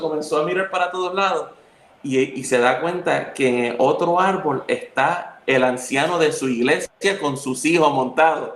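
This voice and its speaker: A man with a Puerto Rican accent in a casual spiritual talk, telling stories and acting out the people in them. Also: a little high. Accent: Puerto Rican Spanish. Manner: lively storyteller who acts out the quoted people. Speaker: youth talk co-host. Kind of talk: casual spiritual conversation with storytelling. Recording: echoey room.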